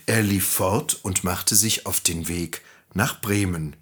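A man reading a fairy tale aloud to children, in a gentle, expressive and friendly way. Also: sits low, slow, husky.

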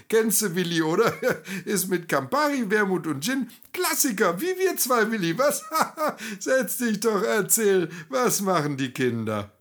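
A man putting on a booming, backslapping middle-aged teacher, pitched well above the narrator's own voice and loud, with a hearty laugh. He is boisterous and chummy, swinging his voice up and down as he talks over everyone. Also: heavily acted.

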